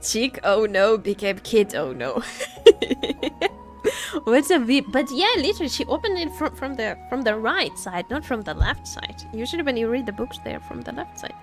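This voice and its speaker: A livestreaming gamer, she sounds very animated, with a voice on the high side and a moderate pace. Faint game music plays as she gives her chat casual, playful reaction commentary, frequently repeating words and phrases.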